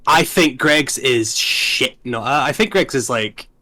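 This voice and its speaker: A young Scottish man chats casually on a tier-list panel, rambling and animated, swearing freely and often restarting his sentences. His mid-range voice moves at an unhurried pace.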